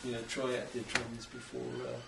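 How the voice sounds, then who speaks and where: A middle-aged Australian man explaining his craft in a relaxed interview, with an enthusiastic musician's manner. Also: medium pitch, moderate pace, vocal fry. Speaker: guest, cajon maker. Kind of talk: casual interview. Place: indoors, home workshop. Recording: echoey room, mic at a distance, faint background hiss.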